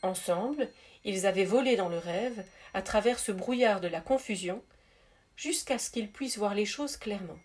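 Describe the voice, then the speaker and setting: A woman reading a spiritual story aloud in a soft, measured, gentle narrating voice. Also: medium pitch. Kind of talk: calm read-aloud storytelling.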